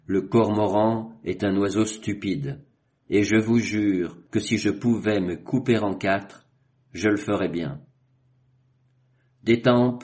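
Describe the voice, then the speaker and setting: A man voicing a bold male ship captain who speaks in loud, emphatic declarations in a read-aloud story. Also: on the low side. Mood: solemn.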